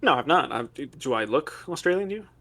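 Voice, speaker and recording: A man co-hosting a casual podcast, telling stories in a relaxed way with fillers like "um" and "like". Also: mid-range voice, a little fast. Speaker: podcast co-host. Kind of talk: casual chat.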